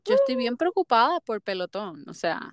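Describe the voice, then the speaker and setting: Una mujer con acento puertorriqueño que cuenta anécdotas en charla casual, directa y animada, mezclando frases en inglés. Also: female voice, on the high side, normal speed. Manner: blunt, animated storyteller, mixes English phrases. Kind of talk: casual chat.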